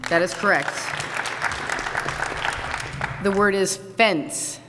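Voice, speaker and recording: A woman acting as a spelling bee pronouncer, reading each word in a formal, precise, even manner, in a large school hall. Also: mid-range voice. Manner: measured, even, precise diction. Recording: echoey hall, loud crowd noise.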